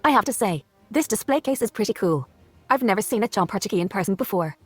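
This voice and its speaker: An earnest young male hero in a text adventure, speaking plainly and fast, as a woman reads his lines. Faint music runs underneath. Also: medium pitch, expressive, husky.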